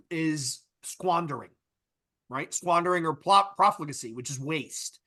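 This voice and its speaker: A podcast co-host with a bright, slightly raised voice talks through ideas in a loose, explanatory way. He keeps tagging his points with "right?" as he builds them out. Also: on the high side. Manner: thoughtful, explanatory, repeats "right?". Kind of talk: casual discussion.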